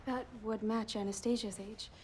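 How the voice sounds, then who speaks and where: An actress playing a gentle young woman in her twenties with lost memory, in a period TV drama. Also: a little high, fairly even intonation, moderate pace, a little hiss or hum, natural voice. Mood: uncertain. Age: 20s.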